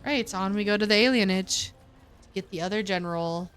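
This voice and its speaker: A woman's voice: mid-range voice, brisk, fairly bright tone, clear, resonant tone, soft background music. A woman streaming a game with casual, slangy live commentary, often talking to the characters on screen.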